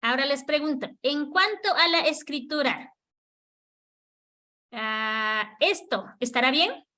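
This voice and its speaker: Lady teaching kichwa on a video call, high bright voice, slow and patient, repeats stuff. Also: lively intonation. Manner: patient, repeats words for the class to echo. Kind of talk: online class lesson.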